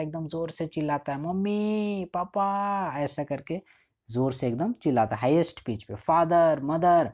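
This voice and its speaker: Mellow-voiced man explaining a school lesson. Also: on the high side. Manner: reads English lines slowly, then explains them casually; frequent checking fillers. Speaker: teacher. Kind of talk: line-by-line explanation of a school chapter.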